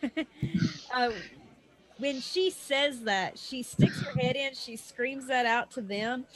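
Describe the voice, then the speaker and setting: The voice is a woman with a fairly high pitch, playing a tabletop game. She eagerly narrates each action her character takes in casual chat. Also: slow, a bit bright, low-quality recording. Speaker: player.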